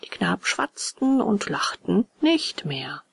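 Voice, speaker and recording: A woman reading a classic children's story aloud as an audiobook, switching into lively character voices for the dialogue. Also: medium pitch, slow pace, vocal fry, husky. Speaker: audiobook reader. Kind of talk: storybook narration.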